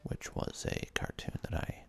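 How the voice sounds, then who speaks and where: In ASMR fashion, someone hosting a gaming video offers relaxed, halting whispered remarks as the game plays.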